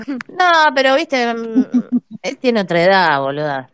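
A woman with a Rioplatense Spanish accent in a casual voice chat, a laughing storyteller who talks in a lively, chatty way. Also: a little high, slow. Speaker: participant in a group voice chat. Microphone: online voice chat.

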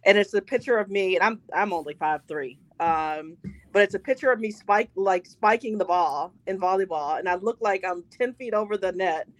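A woman's voice: mid-range voice, normal speed, no echo. A woman talking in a casual, chatty way about her school days. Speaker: co-host. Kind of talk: casual chat.

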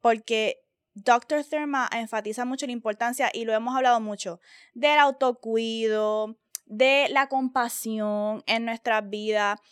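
Woman, Puerto Rican accent, lively storyteller, mixes in English, high voice, dry sound. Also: clean tone, no echo. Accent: Puerto Rican Spanish. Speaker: podcast co-host. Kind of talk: casual chat.

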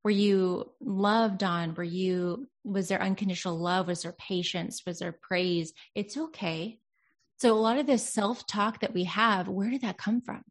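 An earnest woman in a relaxed podcast-style chat, talking through emotional healing with a reflective, searching tone. She often slows down to stress a point and acts out little quoted voices as she goes. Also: medium pitch. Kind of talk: casual self-help chat.

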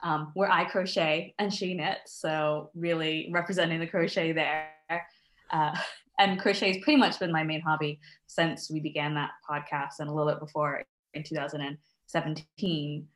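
A young American crochet designer guests on a podcast, chatting in a friendly, talkative way with many ums, restarts, and little laughs. Her low voice is flat and a bit bright at a moderate pace, in an echoey room.

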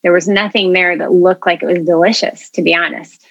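A woman's voice: fairly low pitch, steady tone, a little fast, creaky, no echo, highs cut off. A woman telling her story as an interview guest, earnest and chatty, with plenty of ums and you-knows. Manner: earnest, chatty, many fillers. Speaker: interview guest, food media founder.

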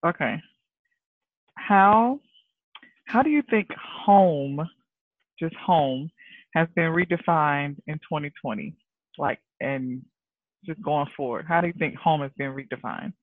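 An interviewer chatting casually and encouraging a guest with quick affirmations. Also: medium pitch, animated. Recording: tinny dry phone-like line.

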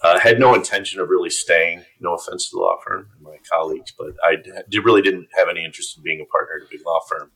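Deep-voiced chatty man in his fifties. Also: fairly even intonation, fast, gravelly, hardly any pauses, bright, forceful tone, low-quality recording. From upstate New York. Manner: chatty, self-deprecating. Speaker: podcast guest. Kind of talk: casual interview chat.

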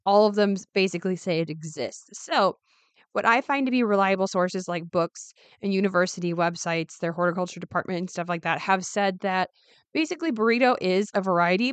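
A woman podcast host talks in a raspy, faintly gravelly voice, hoarse with a cold. Her pitch sits in an ordinary female range. She chats informally and corrects herself as she goes, in a close, dry recording. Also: no room sound. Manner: chatty, informal, self-correcting. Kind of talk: casual solo podcast talk.

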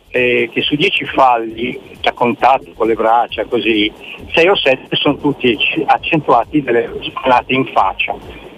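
A man's voice: mid-range voice, fairly bright tone. An older man from the Milan area calls in to a sports radio show by phone, rambling through his opinions and addressing the listeners directly. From Milan area of northern Italy. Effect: phone-line caller heard over the radio. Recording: muffled phone line with faint hiss.

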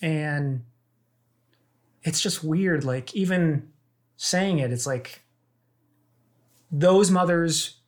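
A woman who was adopted from South Korea, telling a personal story as a guest in casual conversation, earnest and halting with many fillers. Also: low-pitched.

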